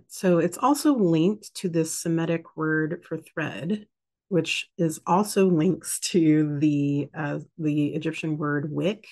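A woman's voice: deep voice, creaky, a little mellow. A woman hosting a casual spiritual talk, rambling with many fillers and restarts. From United States. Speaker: host.

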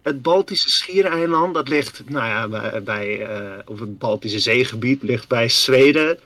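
A man's voice: mid-range voice, a little slow, fairly bright tone. A man casually telling a history story to his co-host on a podcast, rambling with many fillers and often calling his co-host by name.

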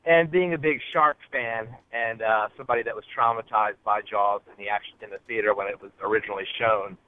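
A man phoning in to a show from his car over a Bluetooth speakerphone, talking in a hesitant way with many filler pauses. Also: lowish voice, steady tone, no echo. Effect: car speakerphone call over Bluetooth. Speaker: caller. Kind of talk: casual call-in message. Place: inside a car. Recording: tinny phone line from a car.

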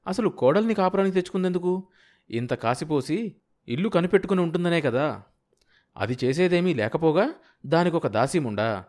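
A man's voice: fairly high pitch, a little mellow, close to an everyday voice. Reader doing a sour old farmer stewing over his household, muttering to himself. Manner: muttering rhetorical inner grumbling. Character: grumbling resentful older village man.

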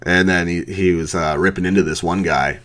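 A man's voice: low-pitched, steady tone, a little fast, a bit bright. A man in his thirties hosting a podcast, bluntly mocking someone with heavy swearing and laughter. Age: 30s. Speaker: podcast host. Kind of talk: profane ranting commentary.

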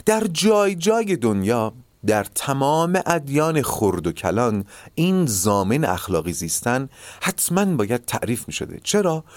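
Guy doing a solo podcast, close mic, dead dry sound, voice moves up and down a lot, explains stuff slowly and talks right to you. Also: medium pitch, no room sound. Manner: measured, explanatory, addresses listeners directly. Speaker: podcast host. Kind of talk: solo philosophical podcast monologue.

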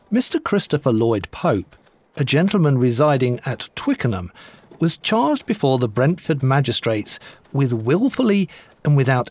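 A man reading old newspaper court reports aloud in a measured, lively way with dry wit. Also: mid-range voice. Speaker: narrator.

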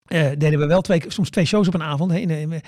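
Talking fast in a voice on the high side with a darkish tone, a middle-aged comedian chats casually and spins stories. He trips over words, starts sentences again, repeats himself, and performs his own quoted remarks; the studio-quality recording has no echo.

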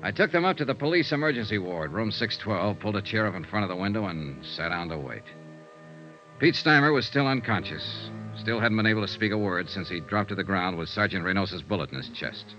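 A man's voice: fairly low pitch, sing-song, brisk. An actor playing a hard-boiled male investigator who narrates and talks in a terse, matter-of-fact way, in a 1950s radio drama. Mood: steady. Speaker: narrator and detective. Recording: muffled old radio broadcast with music.

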